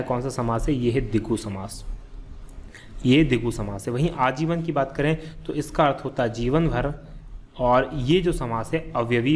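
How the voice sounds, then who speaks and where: Patient man teaching grammar. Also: medium pitch. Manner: patient, repeats key terms, asks and answers his own questions. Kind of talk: exam-prep lesson explaining quiz answers.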